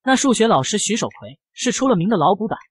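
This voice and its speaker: A man narrating a comic strip in brisk, scripted storytelling. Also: high-pitched, very animated, husky.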